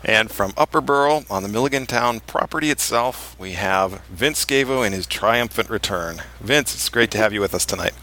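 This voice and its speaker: A man hosting a religious podcast, reading scripted material and quotations in a measured, emphatic way and moderating a panel. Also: on the low side, bright, forceful tone, rough recording. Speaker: podcast host, church elder.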